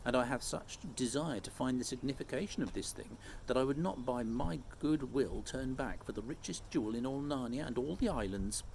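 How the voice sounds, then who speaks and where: A man's voice: mid-range voice, fairly quick, creaky, hardly any pauses, darkish tone, a little hiss or hum, natural voice, poor audio. A man voicing noble young storybook kings in solemn, formal, archaic courtly speech. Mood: eager.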